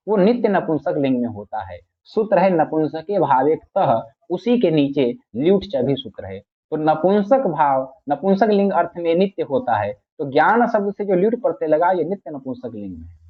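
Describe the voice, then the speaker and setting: A man teaching grammar in a patient lecture, repeating each point and reciting classical phrases. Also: fairly high pitch. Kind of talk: explanatory lecture. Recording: tinny phone-like audio.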